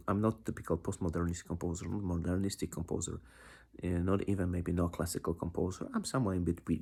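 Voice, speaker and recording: A composer from Poland with a Polish accent introducing himself in a halting, restarting way, often searching for words. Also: male voice, low voice, gravelly, darkish tone, husky. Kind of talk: self-introduction monologue. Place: home studio.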